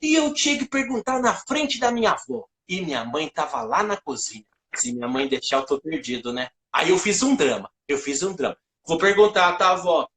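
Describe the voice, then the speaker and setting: A man telling a comic story live, animated, with sound effects and voices. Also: on the high side, brisk, hardly any pauses. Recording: echoey room.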